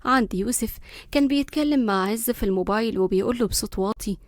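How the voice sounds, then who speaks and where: A woman with an Egyptian accent narrating a comic family story briskly. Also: a little high, no echo, studio quality. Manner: brisk, lively reading.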